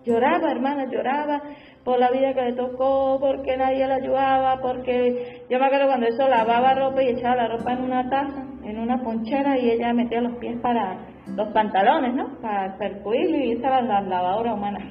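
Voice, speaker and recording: A woman's voice: high-pitched, fairly even intonation, brisk. A woman preaching a sermon. She speaks fervently and keeps repeating her refrains to the congregation. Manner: fervent, repeats "hermano" and "gloria al Señor". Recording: echoey room, dull lo-fi sound, faint music behind.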